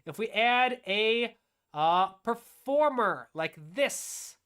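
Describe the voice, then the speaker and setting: A woman's voice: on the high side, animated, takes it slowly, fairly bright tone, clean tone. A woman teaching music production on a live stream, explaining her steps aloud as she demonstrates and answering her own questions.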